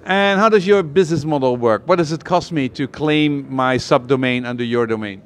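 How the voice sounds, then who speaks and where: A man's voice: mid-range voice, moderate pace. A male host interviewing a guest in a casual tech chat, asking probing follow-up questions with enthusiasm.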